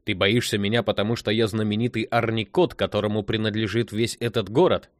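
A man's voice: fairly low pitch, fairly even intonation, a little fast, no echo, clean studio sound, lightly acted. A man reading an audiobook, voicing a smug, scheming male boss who mutters plans to himself. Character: scheming self-satisfied male city boss.

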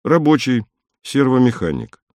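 A man voicing a calm, dutiful young rover driver who speaks matter-of-factly, in a storybook reading. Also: mid-range voice, measured pace, no echo, studio quality, voice pushed up. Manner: matter-of-fact, slightly apologetic.

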